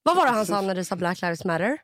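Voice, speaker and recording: A woman co-hosting a casual podcast chat, backing up her friend and chiming in with quick agreement. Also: medium pitch, very animated, no echo, clean studio sound. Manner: supportive, chimes in with quick agreement. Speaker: podcast co-host.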